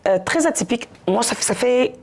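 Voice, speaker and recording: A woman's voice: a little high, expressive, brisk, darkish tone. A woman in her thirties from Côte d'Ivoire, whose first language is Baoulé, chatting about her grocery store in an interview, full of fillers and repeated words. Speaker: grocery store owner, guest. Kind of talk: casual interview chat.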